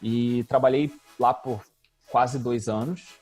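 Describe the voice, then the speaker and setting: A man's voice: mid-range voice, takes it slowly, soft background music. A man, a guest speaking in a casual interview and thinking aloud as he goes. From Rio de Janeiro, Brazil. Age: 30s. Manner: relaxed, thinking aloud with fillers. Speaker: guest, UX designer.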